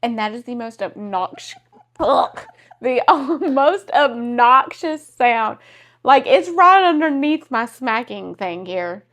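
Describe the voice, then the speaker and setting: Woman co-host, slow and emphatic, a touch high, blunt opinions. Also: expressive, fairly bright tone. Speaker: podcast co-host. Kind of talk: casual chat.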